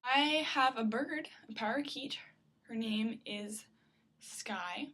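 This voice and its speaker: A young woman with a fairly high voice talks casually to her camera in a small bathroom. Her delivery is informal and a little hesitant, with a self-deprecating way of explaining things. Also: takes it slowly, pushed and bright. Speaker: vlogger. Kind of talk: casual video blog chat.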